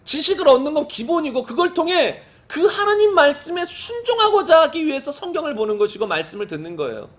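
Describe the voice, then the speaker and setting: A male pastor with a notably high-pitched voice delivers a Sunday sermon. He reads scripture aloud slowly and solemnly, then presses his points with repeated rhetorical questions to the congregation. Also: very animated.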